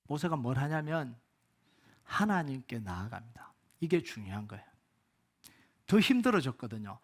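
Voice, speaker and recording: A man preaching a sermon as pastor at a Friday prayer meeting, moving between loud emphatic peaks and low quiet asides. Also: very animated, moderate pace. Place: church sanctuary.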